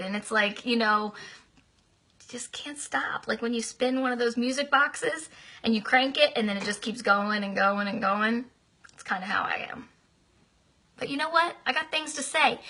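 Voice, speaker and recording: Chatty high-voiced woman giving a pep talk. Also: pushed and bright. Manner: chatty and effusive, talks at length; affectionate, repeats phrases. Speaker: team leader speaking to her business team. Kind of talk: motivational live-stream talk, answering viewer comments.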